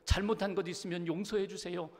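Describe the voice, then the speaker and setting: A young wife murmurs a soft, pleading prayer over her husband, as a male pastor acts her out in his own fairly high voice. The sound rings with long hall reverb. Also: fairly even intonation, fast.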